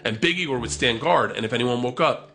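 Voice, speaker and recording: A young man telling a comic story in an animated, profane way, acting out the voices of the people in it. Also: medium pitch, a little fast. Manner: profane, animated, acts out quotes.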